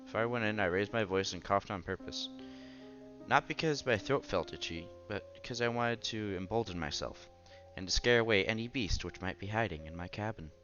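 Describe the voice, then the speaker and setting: This man reads a visual novel on stream, alternating narration with chatty asides and pausing to react, while game music plays underneath. He speaks fairly quickly in a fairly low, slightly bright voice, and the recording is muffled.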